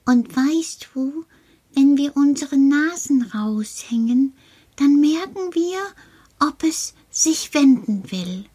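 A woman's voice: high-pitched, lively intonation, mellow. Karl, a woman voicing a small cave-dwelling creature. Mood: cheerful, explaining. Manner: slow, patient, often drops to a whisper. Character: cheerful little male cave-dwelling earth creature.

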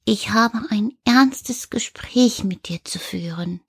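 A woman voicing Karl, a small serious male toy figure, speaking in a slow hushed way for a children's story. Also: high-pitched, husky, no echo, voice pushed up, exaggerated voice. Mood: solemn. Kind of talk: reading a children's story aloud.

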